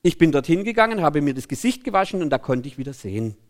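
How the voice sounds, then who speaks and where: A man's voice: fairly high pitch, fast talker, voice pushed down. A man acting out a healed blind beggar who calls out eagerly to be heard. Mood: matter-of-fact. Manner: excited, insistent calling out.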